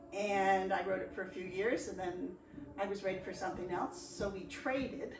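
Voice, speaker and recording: A woman in her sixties, originally from Nova Scotia, tells stories at a community meeting in an easygoing, chatty way. She pokes fun at herself as she talks. Her voice carries from a little way off the mic in a roomy, echoing space with faint background noise. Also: medium pitch. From Nova Scotia, Canada. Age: 60s. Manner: chatty, wry and self-deprecating. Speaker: presenter at a local history meeting. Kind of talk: casual reminiscing talk. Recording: echoey room, distant mic, faint noise.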